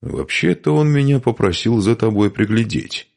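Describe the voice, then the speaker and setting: A man's voice: fairly low pitch, animated, normal speed, gravelly, darkish tone, voice pushed up. A man voicing a stern male warrior who gives curt commands and tries to keep order.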